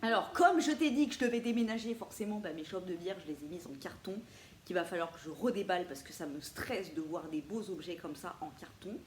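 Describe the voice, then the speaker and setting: A woman's voice: on the low side, a little fast. A woman, chatting casually and playfully to viewers about her thrift finds. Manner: chatty, animated, laughs often, playful asides. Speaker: vintage thrift haul vlogger. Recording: echoey room with faint ambient noise.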